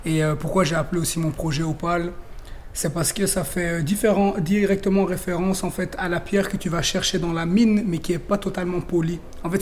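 A man's voice: sits high, a little hiss or hum. A young man from Belgium, a rapper guest in a radio interview, talking chattily with many fillers and restarts.

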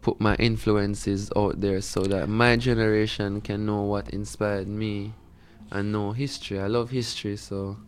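A man's voice: on the low side, level tone, measured pace, smooth. A man with a Jamaican accent talking casually as a musician being interviewed.

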